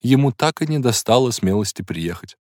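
A man's voice: mid-range voice, lively intonation, brisk, darkish tone, no room sound, studio quality, voice pushed up, close to an everyday voice. A man reading an audiobook, voicing a proud, tormented woman in an emotional, intense manner. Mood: tense.

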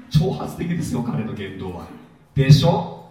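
A man lecturing a Bible seminar with a swinging, animated delivery and a mellow tone. He jokes and quizzes the audience as he goes. The sound is heavily echoey and picked up from some distance. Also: mid-range voice. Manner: lively, jokey, asks the audience questions. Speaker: pastor and seminar teacher. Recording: echoey hall, mic at a distance.

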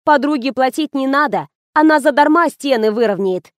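A woman reading an audiobook, voicing a sharp-tongued, mocking woman friend in a raised voice. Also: high voice, expressive, moderate pace, no room sound, clean studio sound, pitched above the performer's own voice. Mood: scornful. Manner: mocking, needling.

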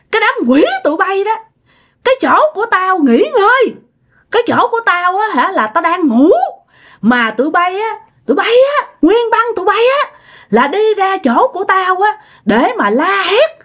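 A woman voicing a furious male ghost possessing a girl in a told ghost story, shouting and ranting. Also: extremely high pitch, voice pushed up, heavily acted.

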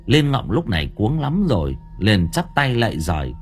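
A man narrating an audiobook in a lively, humorous storytelling manner. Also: lowish voice, normal speed. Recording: faint music behind.

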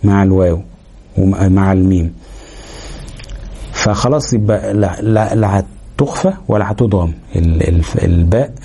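A man's voice: low-pitched, dark tone, breathy edge. A man with an Egyptian Arabic accent teaching tajweed rules, explaining step by step and checking that listeners follow. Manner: explains step by step, pauses with fillers, checks understanding. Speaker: Quran recitation teacher. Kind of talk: explanatory lesson.

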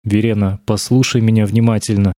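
A man voicing a male lecturer who speaks gently and quietly, calming a distressed girl. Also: fairly low pitch, a little fast, no room sound, studio quality, lightly acted. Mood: intent. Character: male lecturer, soothing then strangely intent.

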